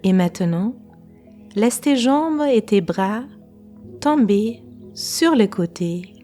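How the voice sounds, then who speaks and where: A guided meditation teacher leads a slow relaxation session in a calm, unhurried manner, pausing between short phrases. Her voice sits in the mid range, and faint music plays behind her.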